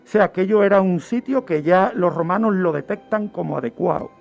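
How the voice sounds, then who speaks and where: A guest criminologist presents a true-crime segment on radio, explaining the history in a didactic way by posing questions and answering them himself. His voice sits high and moves fairly quickly, with vocal fry and a darkish tone, and the highs are cut off.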